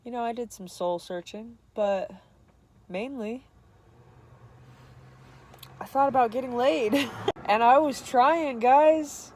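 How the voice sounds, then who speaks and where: A woman's voice: fairly high pitch, takes it slowly, long pauses, darkish tone. A young woman vlogger telling a candid, self-deprecating story to camera, laughing often.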